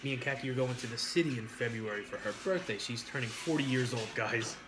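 A man's voice: mid-range voice, fast talker, music in the background. A man in his thirties chatting casually on a live stream at his kitchen table while eating, crude and joking, reading out viewer names. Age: 30s. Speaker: mukbang streamer. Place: home kitchen at a dining table.

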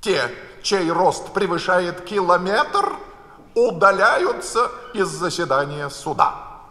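A bass reciter voicing a fussy, pompous king reading out rules in a live storybook reading. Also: lively intonation, slow, pushed and bright, full character voice. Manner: pompous proclamations. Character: fussy nervous King of Hearts. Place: palace concert hall. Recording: live concert hall reverb.

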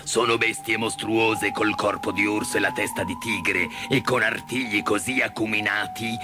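A man's voice: lowish voice, fairly even intonation, moderate pace, music in the background, natural voice. A man voicing a big, timid, self-pitying lion in a storybook reading, plaintive and sighing. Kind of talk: storybook character voice.

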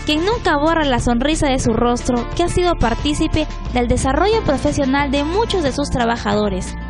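A woman with a high, light voice reads a scripted news feature in a smooth, even way. Music plays steadily behind her narration. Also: normal speed. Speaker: reporter. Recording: background music under voice-over.

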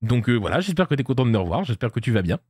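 A man talks fast on a live stream, joking and reading his chat aloud. His pitch swings widely as he goes. The sound is close and dry, with no room around it. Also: very animated, darkish tone, breathy edge, dry recording.

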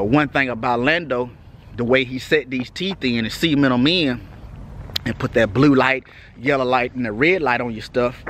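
A man's voice: mid-range voice, fairly bright tone, a little hiss or hum. A man from Texas with a Texas accent, talking casually to his viewers outdoors at night in a loose, laid-back way, with lots of "you know what I'm saying.". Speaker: vlogger. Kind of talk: casual vlog update.

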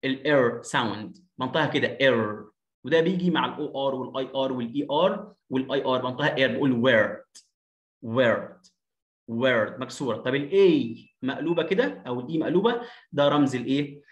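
A man's voice: mid-range voice, quick pace, muffled recording. Egyptian man teaching, echoey room. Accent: Egyptian Arabic. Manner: repeats and demonstrates sounds, checks in with listeners. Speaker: English teacher training teachers. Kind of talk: phonetics lesson.

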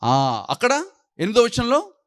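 A male pastor with a fairly high voice delivers a sermon, scolding and peppering the congregation with pointed questions. He sounds close to the mic in a dry, dead room. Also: huge pitch swings, measured pace, no echo.

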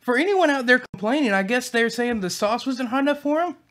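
An earnest co-host of a hot-sauce episode, sweating from the heat, who keeps repeating and restarting words. The voice sits at a middling pitch, and the talk is loose and conversational. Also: expressive, brisk, fairly bright tone. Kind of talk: casual chat while eating hot sauce.

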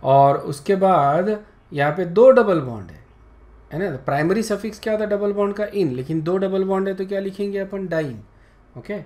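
A man's voice: high-pitched, a little mellow. A man teaching an organic chemistry lesson, explaining step by step and often checking whether students have understood. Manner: slow, explanatory, checks understanding with repeated tag questions. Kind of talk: classroom lecture mixing Hindi and English.

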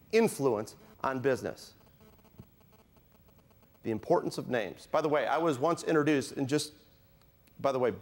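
A man with a slightly high voice gives a keynote speech to a live audience, teasing listeners and asking them to raise their hands. He is middle-aged and speaks at a conference. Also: a little mellow. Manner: joking, addresses the audience with show-of-hands questions.

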